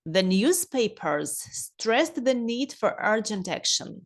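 A woman with a Ukrainian accent teaching an English lesson, reading English examples slowly and then explaining them in Ukrainian. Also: medium pitch.

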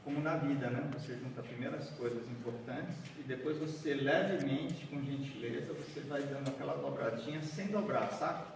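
His medium-pitched, gravelly voice moves at a normal speed with few pauses, over a little hiss or hum. The speaker, a Bahian man in his forties, gives a chatty origami workshop to a seated group in a large conference room, folding paper as he walks and asking "né?" and "certo?". A far room camera with no visible mic picks up the echoey hall.

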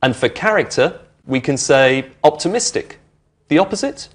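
Man explaining clearly. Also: fairly high pitch, animated, normal speed. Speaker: presenter of an English lesson. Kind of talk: friendly teaching explanation. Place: indoor studio with brick walls.

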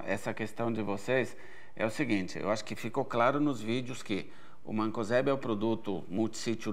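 A Brazilian man in his forties, an agronomy researcher, answers viewer questions on an event stage in an expert Q&A. He explains carefully, with many hesitation fillers, in a mid-range voice.

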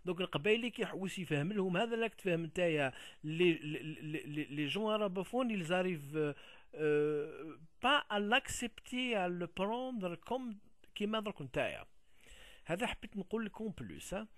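A man from Algeria with an Algerian Arabic accent, explaining things casually in a halting way, often repeating words and switching into French. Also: high-pitched, very animated, fairly bright tone, no echo, clean studio sound.

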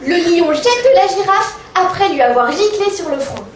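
A woman's voice: extremely high pitch, animated, normal speed, noisy background. A woman comedian reciting a rhyming comic tale on stage in a sing-song, mock-innocent manner. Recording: echoey stage sound from far off.

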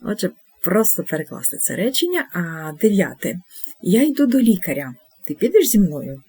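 A woman teaching an Italian lesson, explaining patiently and repeating each form slowly. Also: mid-range voice, very animated, mellow, breathy edge. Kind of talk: instructional video lesson.

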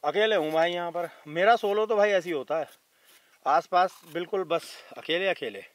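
A man's voice: high-pitched, moderate pace, a little hiss or hum. A man in his thirties vlogging casually while he camps alone outdoors at night, recorded by a camera a few metres off. He talks to viewers in an easy, chatty way. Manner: chatty, keeps calling viewers brother. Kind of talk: casual solo camping vlog. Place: outdoors at night beside a tractor caravan on a hilltop.

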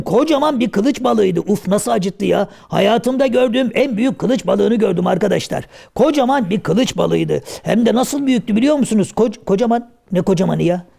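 A man voicing Karagöz, a cheeky, clumsy comic figure in a children's shadow puppet play, chattering excitably and crying out "ay". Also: high-pitched, creaky, full character voice. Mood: excited. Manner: excitable and chatty, with lots of cries of "ay".

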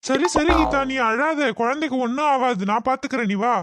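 Fairly high-voiced cartoon guy, helpful young husband, calm and reassuring. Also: brisk, no room sound, studio quality. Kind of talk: cartoon voice acting.

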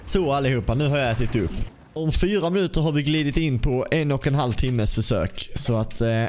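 A man's voice: mid-range voice, a little mellow. A man commentating his own gameplay as a gaming youtuber, frustrated and swearing, mixing in English words. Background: game music and gunfire.

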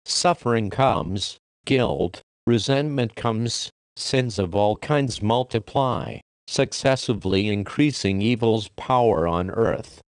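A grave male reader with a lowish, smooth, resonant voice delivers a religious message in a measured, solemn cadence. He slows down for the scripture references, and the recording is dry and close. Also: lively intonation, dry recording.

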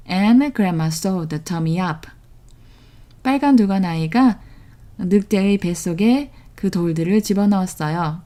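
A woman's voice: mid-range voice, mellow. A woman reading a children's storybook aloud, translating each line. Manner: reads each English line, then translates it into Korean. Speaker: storybook reader and English tutor.

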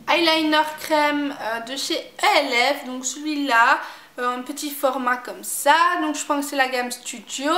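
A woman chatting casually about makeup she has used up, repeating herself and filling pauses often. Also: high-pitched, fairly bright tone, echoey room. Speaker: beauty vlogger. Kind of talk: casual product review chat.

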